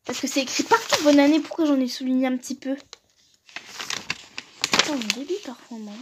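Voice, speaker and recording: A woman's voice: sits high, brisk, background noise. A young woman casually showing her old school notebooks, reading the exercises aloud, joking and trailing off into mumbles. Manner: chatty, reads aloud and jokes, trails off into mumbles. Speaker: vlogger. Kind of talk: casual vlog commentary.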